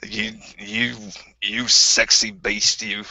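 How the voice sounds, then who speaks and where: A man's voice: on the low side, flat delivery, slow pace, crowd noise. A man playing a bitter, crude ex-member of a group, with a put-on New Zealand accent and a rambling, stammering way of talking. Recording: dull lo-fi recording.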